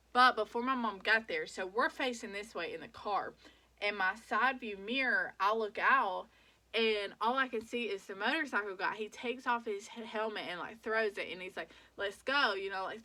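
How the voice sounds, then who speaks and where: Twenties woman, vlogger; animated storyteller, bright tone. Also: medium pitch. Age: 20s. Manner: animated retelling with many "like"s and acted quotes. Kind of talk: casual storytime.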